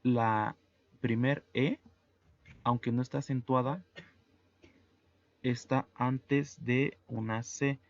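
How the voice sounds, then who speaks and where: A man teaching French to Spanish speakers, explaining pronunciation slowly and methodically, letter by letter. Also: mid-range voice, steady tone, dry recording, dull audio. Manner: slow, methodical, spells out sounds letter by letter. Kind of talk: online language lesson.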